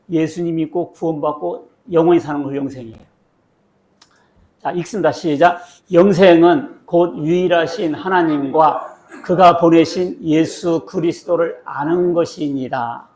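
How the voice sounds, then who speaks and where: A man preaching a sermon as pastor, asking the congregation questions and answering them himself, and reading scripture slowly. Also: on the high side, darkish tone. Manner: slow, drawn-out reading of scripture verses. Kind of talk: sermon with call-and-response Bible reading. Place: church sanctuary.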